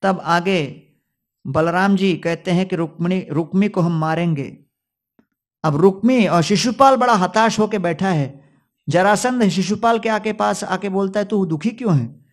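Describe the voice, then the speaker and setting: Male preacher, devotional storytelling discourse, quotes Sanskrit verses, high voice. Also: unhurried. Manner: storytelling, quoting Sanskrit verses, mixing in English words.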